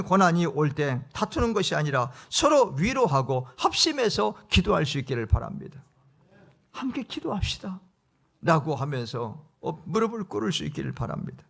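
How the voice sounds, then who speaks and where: Lively gravelly-voiced male pastor preaching. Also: fairly high pitch. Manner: emphatic preaching with playful acted-out dialogue. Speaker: guest pastor. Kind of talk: revival sermon. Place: church sanctuary.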